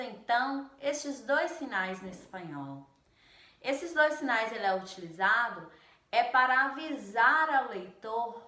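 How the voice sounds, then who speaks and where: A woman's voice: on the high side, pushed and bright, echoey room. A Portuguese-speaking woman teaching a Spanish lesson, explaining patiently and often adding "né?" to check in with her students. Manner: explanatory, frequent "né?" tag questions. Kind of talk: online language lesson.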